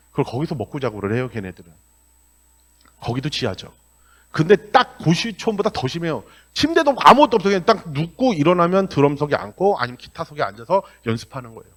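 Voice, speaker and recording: A middle-aged male pastor giving a sermon, telling stories in a blunt, colloquial way and acting out the dialogue. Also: fairly high pitch. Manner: animated storytelling with acted-out dialogue. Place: church sanctuary.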